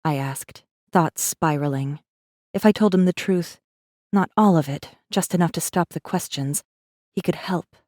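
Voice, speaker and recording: Unhurried and darkish in tone, this woman's lowish voice comes through clean studio sound with no echo, close to how she'd talk every day. She performs first-person dramatic narration as a guarded, wry rebel messenger in a space fantasy audiobook, wary, sardonic, intimate and brooding.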